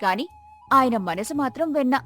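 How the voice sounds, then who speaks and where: A woman telling a moral story in scripted, measured narration. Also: sits high, lively intonation, a bit bright, faint music behind.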